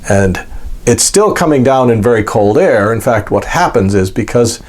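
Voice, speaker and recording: An American man giving an informal, unscripted explanation in a halting, folksy way, repeating words as he goes. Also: medium pitch, animated, a little mellow. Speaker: host of an explainer vlog.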